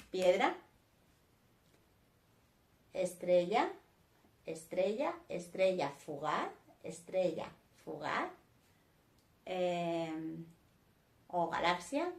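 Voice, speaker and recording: A woman teaching a vocabulary lesson, saying each word slowly and twice with a Spanish accent. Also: fairly low pitch, echoey room. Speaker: sign language teacher. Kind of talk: slow vocabulary lesson, naming words one by one.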